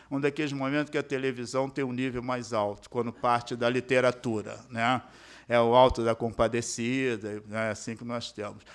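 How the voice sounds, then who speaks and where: A man's voice: medium pitch, a bit bright. A man with a Brazilian accent giving an academic lecture as a guest speaker. He explains step by step and keeps checking in with the audience through tag questions. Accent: Brazilian Portuguese. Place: lecture hall.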